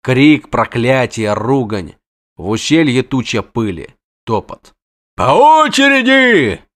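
A man narrating an audiobook at a mid pitch. His reading is steady and measured, carrying the story along without hurry. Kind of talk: scripted narration.

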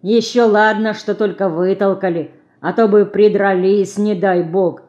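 A woman reader voicing a weary, poor old organ grinder who speaks slowly in a folksy, mildly complaining way. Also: mid-range voice, steady tone, darkish tone, muffled recording, natural voice. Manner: slow, folksy, mild complaining.

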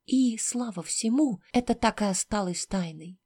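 A woman's voice: medium pitch, normal speed, dark tone, no room sound, studio quality. A woman narrating a first-person fantasy audiobook with emotional, breathless storytelling.

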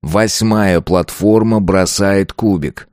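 A man voicing a mechanical announcer that proclaims results in measured statements. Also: low voice, darkish tone, dry recording, clean studio sound. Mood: formal. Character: mechanical announcer voice of a tomb game.

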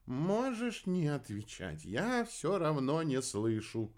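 Drawling, absent-minded astrologer, pitched up and slowed down, put on by a male reader. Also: wildly swooping pitch, darkish tone, heavily acted. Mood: vague, drawling. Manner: slow, drawn-out, raised pitch. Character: eccentric befuddled male astrologer, slow and vague.

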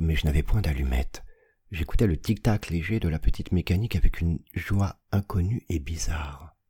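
Very deep, husky male narrator. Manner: measured, theatrical, swelling to loud outbursts. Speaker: audiobook narrator. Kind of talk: dramatic literary reading.

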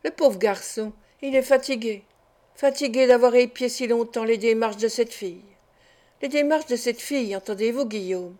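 A woman's voice: on the high side, moderate pace, warm tone, close to an everyday voice. A woman reading aloud, voicing a scheming old male fence who presses hard on each word. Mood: sly.

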